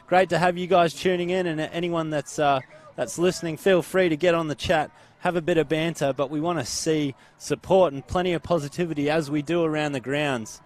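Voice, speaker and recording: Upbeat man calling a sports match. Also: fairly high pitch. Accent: Australian. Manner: upbeat, calls players by number and name. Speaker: play-by-play commentator. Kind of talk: live sports commentary. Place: outdoor sports ground.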